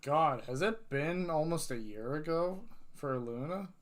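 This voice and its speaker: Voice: mid-range voice, lively intonation, unhurried. A reaction channel host giving casual commentary in muttered asides, with mild swearing and frequent laughs.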